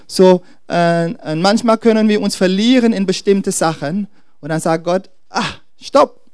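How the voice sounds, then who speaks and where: A man's voice: high voice, darkish tone, clear, resonant tone, dry recording, studio quality. A man preaching a sermon to his congregation, often stopping to search for words and starting his sentences over. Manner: searches for words, halting restarts; speaks to the congregation directly. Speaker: pastor.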